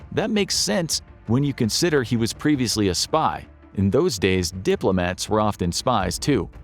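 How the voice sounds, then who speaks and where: A man with a lowish voice reads a scripted crime documentary narration. His delivery is steady and measured, and he builds tension with pointed questions. Faint music plays quietly underneath.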